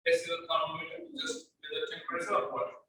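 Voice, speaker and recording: A man's voice: a little high, fairly even intonation, slow, pushed and bright, recorded from a distance, a little hiss or hum. A male teacher giving an online class with a heavy echo on his voice, explaining step by step and mixing two languages. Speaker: science teacher. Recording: echoey online class audio.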